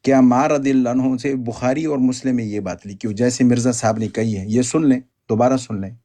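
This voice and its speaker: A man's voice: mid-range voice, fairly even intonation, quick pace, dark tone. A man giving emphatic, polemical religious commentary, often stammering and repeating words.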